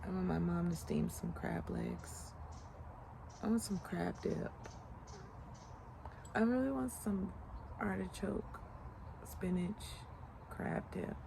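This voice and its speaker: A woman vlogger in her late 20s talks slowly and pauses often, her voice fairly low. Standing outside in the countryside on a sunny morning, she rambles casually and thoughtfully, dropping "like" constantly, against a noisy background of clear outdoor ambience.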